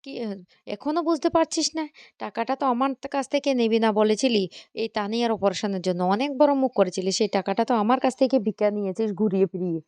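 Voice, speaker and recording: A woman voicing an angry, bullying older father who scolds and shouts with contempt. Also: on the high side, fast talker, no echo, close to an everyday voice. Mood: angry scolding.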